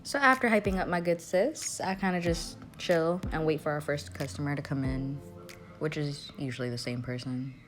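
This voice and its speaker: A woman's voice: low voice, steady tone, normal speed, faint music behind. A young woman narrating a casual vlog as a barista, chatty and slangy, often joking about herself. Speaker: barista vlogger.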